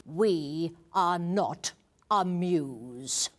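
A woman's voice: fairly low pitch, sing-song. A woman voicing a haughty, crude old queen, delivering a pompous comic royal address. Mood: imperious. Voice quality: pompous, drawn-out regal delivery with sudden swoops. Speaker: advertising a play.

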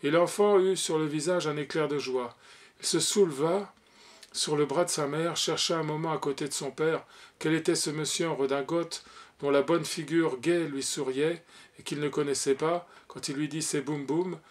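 A man reading a short story aloud as an audiobook, expressive, giving the characters' lines their own voices. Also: fairly high pitch, moderate pace. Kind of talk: audiobook narration.

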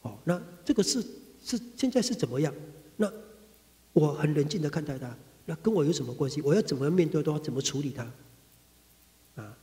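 A man with a Taiwanese Mandarin accent giving a Buddhist sutra lecture, talking conversationally and acting out everyday quarrels. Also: a little fast. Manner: animated, acts out quarrels with sudden high bursts. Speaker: Buddhist dharma teacher. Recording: reverberant hall.

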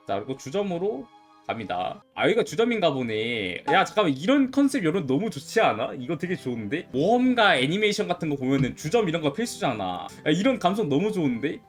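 억양이 활발한 높은 목소리의 남자 게임 유튜버. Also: male voice, a little high. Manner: chatty, thinking aloud. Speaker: YouTube game streamer. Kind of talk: casual let's play commentary.

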